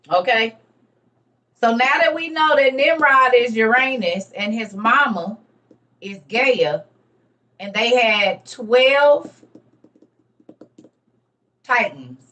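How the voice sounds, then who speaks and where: A woman's voice: on the high side, drawn-out words, long pauses, pushed and bright, recorded from a distance, muffled recording. A woman giving an emphatic, repetitive casual lecture to her viewers, teaching as she reads. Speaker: online teacher on religion and history.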